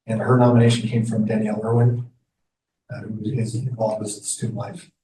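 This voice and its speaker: A man's voice: on the low side, flat delivery, moderate pace. A man giving an informal staff report at a board meeting. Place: indoor meeting room. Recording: echoey meeting room, distant mic, background noise.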